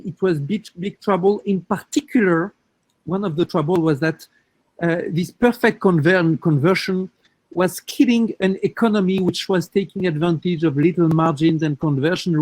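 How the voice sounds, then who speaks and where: A man answering a question on a panel, explaining through examples and often pausing to restart his sentences. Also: on the high side, darkish tone, no echo, rough recording.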